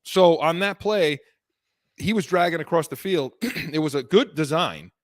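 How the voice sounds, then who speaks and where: A man's voice: on the high side, moderate pace, no echo, clean studio sound. A man co-hosting a sports podcast, talking heatedly about football and breaking off and restarting his sentences, his voice worn from illness. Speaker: podcast co-host.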